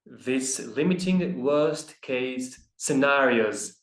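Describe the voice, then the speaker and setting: Slow, careful man in an echoey room. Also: medium pitch, lively intonation. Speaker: pronunciation student. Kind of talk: repeating phrases in a lesson.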